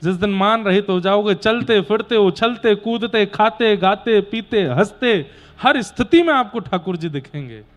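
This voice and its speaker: A man's voice: high-pitched, expressive. A man telling devotional stories as a preacher in a sermon, addressing a gathering. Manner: unhurried, preaching to a gathering, breaking into devotional song. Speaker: katha preacher.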